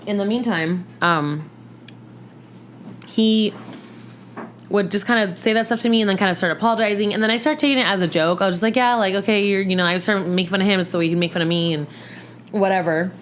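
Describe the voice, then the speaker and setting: A woman telling a casual dating story on a podcast, animated, acting out quotes and saying "like" a lot. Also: mid-range voice, brisk, a little hiss or hum. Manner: animated, acts out quotes, lots of "like". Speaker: podcast guest. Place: podcast studio.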